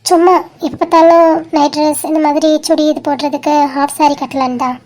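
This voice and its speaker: A heartbroken young woman in a cartoon voiced by a performer speaks. She talks softly and haltingly through tears and pleads. She stays stubborn about her hurt. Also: high voice, steady tone, close to an everyday voice. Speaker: animated series character. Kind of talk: dramatic cartoon dialogue.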